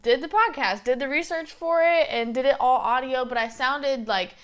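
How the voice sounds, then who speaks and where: A young woman in her twenties with a slight Southern twang hosts her own casual solo podcast, rambling chattily and filling it with lots of fillers. Her high-pitched voice is clear, resonant, and fairly bright, at a normal speed.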